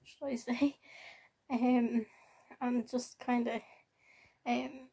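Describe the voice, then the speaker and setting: A young woman with an Irish accent chats casually to her vlog viewers in a rambling, halting way, often repeating herself. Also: on the high side, level tone, dark tone, breathy edge. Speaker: vlogger. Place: at home, in a room.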